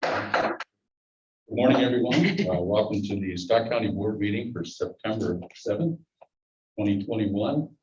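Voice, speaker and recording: Muffled by a face mask, a man chairs a public board meeting, working through the agenda with dry asides. His lowish voice has lively intonation and a slightly slow pace. The meeting room recording is dull, echoey and distant.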